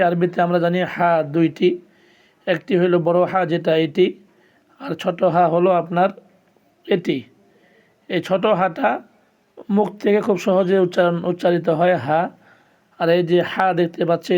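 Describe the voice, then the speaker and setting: A man's voice: high-pitched, a little mellow. A man teaching the Arabic letters as a Quran lesson, patiently sounding out each letter and repeating it for learners. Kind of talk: slow step-by-step pronunciation lesson.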